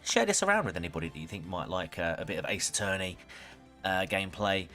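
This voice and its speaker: Male live streamer, low and bright voice, chatty and informal with his audience. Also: animated, fast talker, soft background music. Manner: chatty, greets viewers as they arrive. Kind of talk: casual game stream chat.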